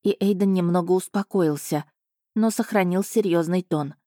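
Low-voiced woman narrating an audiobook. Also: moderate pace, mellow, no echo, studio quality. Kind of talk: first-person audiobook narration.

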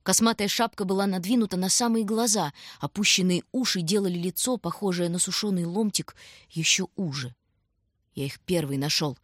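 A woman reading a story aloud in scripted, measured and dramatic narration. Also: mid-range voice, no room sound, clean studio sound. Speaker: audiobook reader.

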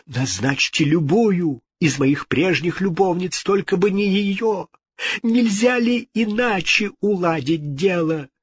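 A man voicing a frightened, excitable middle-aged king who pleads in a shrill voice and then barks commands. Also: measured pace, slightly rough, no room sound, studio quality, heavily acted. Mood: terrified pleading. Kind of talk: audiobook character voice.

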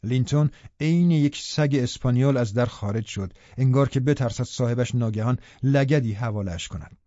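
Male audiobook narrator, mellow and even, dry slightly muffled studio sound. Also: medium pitch, dry recording. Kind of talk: scripted narration.

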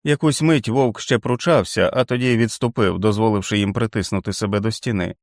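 A man narrating an audiobook in a steady, dramatic reading. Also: lowish voice, a little fast, dry recording, clean studio sound.

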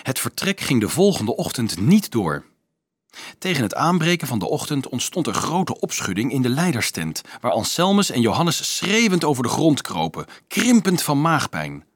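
A man reading a novel aloud in an expressive, storytelling way. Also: mid-range voice, moderate pace, husky, dry recording, clean studio sound. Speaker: audiobook narrator. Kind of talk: scripted narration.

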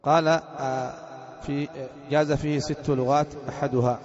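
Sheikh teaching grammar in an echoing hall. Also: male voice, a little high, flat delivery, moderate pace, darkish tone, highs cut off. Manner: explains step by step, quizzes students with "what?" questions. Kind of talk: classroom grammar lesson.

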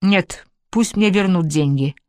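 A woman's voice: a little slow, no room sound, clean studio sound, natural voice. A woman reading aloud voices a hysterical, domineering general's wife in an overwrought, raised tone. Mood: furious. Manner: shrill, overwrought, raised pitch.

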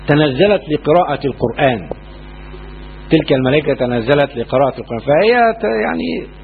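A man's voice: a little high, creaky. A man with an Egyptian Arabic accent, a sheikh giving a religious lesson and answering questions in a colloquial, emphatic way, often checking that listeners follow. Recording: tinny phone-like lo-fi audio with faint hiss.

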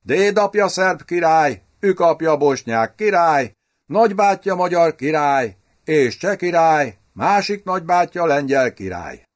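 A man's voice: fairly high pitch, animated, pitched above the performer's own voice, close to an everyday voice. A man doing an old, indulgently scolding king. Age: older. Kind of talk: audiobook character voice.

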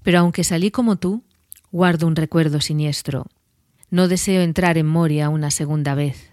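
A woman's voice: sits low, moderate pace, a little mellow, dry recording, clean studio sound, natural voice. A woman voicing Aragorn, a weathered and watchful ranger, solemn in tone.

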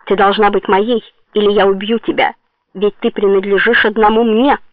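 A woman voicing a cruel, possessive man in an audiobook, pitching lower and slower when threatening, with a tinny sound. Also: level tone, no room sound, natural voice. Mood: menacing. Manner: menacing, possessive. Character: cruel obsessive male villain. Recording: tinny phone-like dry sound.

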